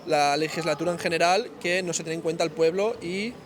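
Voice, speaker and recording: Man, halting complaint, street noise. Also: fairly high pitch. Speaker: passer-by interviewed.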